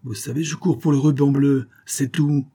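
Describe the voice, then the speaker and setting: A man voicing a gruff, proud English sea captain who answers curtly and grumbles. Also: medium pitch, animated, normal speed, warm tone, no room sound, studio quality, pitched above the performer's own voice. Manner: grumbling, curt.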